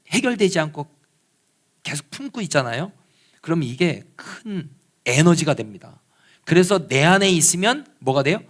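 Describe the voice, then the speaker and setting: A man's voice: fairly high pitch, a bit bright. A man, a pastor, preaching a sermon with rhetorical questions and leading fervent prayer in church. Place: church sanctuary.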